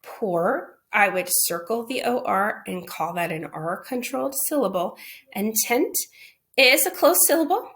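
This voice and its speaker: A woman's voice: fairly high pitch, lively intonation, a little slow, fairly bright tone. Woman teaching a phonics lesson. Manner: explains patiently, often checking with "okay?" and "right?". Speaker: literacy teacher answering questions. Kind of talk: recorded online lesson.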